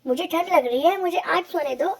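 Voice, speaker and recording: A woman's voice: very high-pitched, fairly quick, vocal fry, pitched above the performer's own voice. A woman voicing a sad young girl bird in a children's cartoon story, pleading tearfully.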